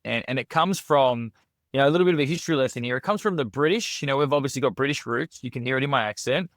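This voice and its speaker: This Australian-accented man, a restaurant founder, talks quickly in a mid-range, slightly bright voice as a guest on a casual podcast. He's earnest, leaning on "you know," repeating words, and restarting often. The sound is clean studio quality with no room sound.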